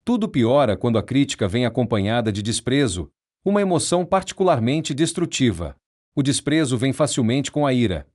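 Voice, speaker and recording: Steady male audiobook narrator. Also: medium pitch. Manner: measured, steady, explanatory. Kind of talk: nonfiction audiobook reading.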